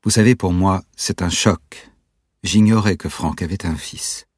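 Un homme qui prête sa voix à une femme mûre, droite et méfiante, au ton bref et énergique, dans un livre audio. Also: male voice, sits low, darkish tone, slightly rough, no room sound, clean studio sound. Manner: brisk, curt, slightly raised voice. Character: poised older woman, brisk and guarded. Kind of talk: audiobook reading.

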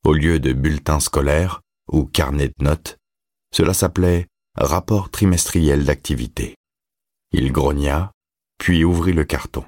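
Un homme qui lit un roman en livre audio, d'un ton posé et régulier. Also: male voice, extremely low pitch, no room sound, studio quality. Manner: steady, measured storytelling. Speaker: narrator. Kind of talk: audiobook reading.

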